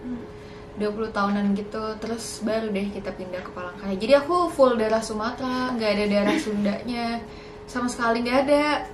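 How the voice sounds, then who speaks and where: A woman's voice: fairly high pitch, fairly quick, echoey room, background noise. A young woman in a casual Q&A vlog, chatty and a little nervous, mixing in English words. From Indonesia. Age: young adult. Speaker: YouTuber.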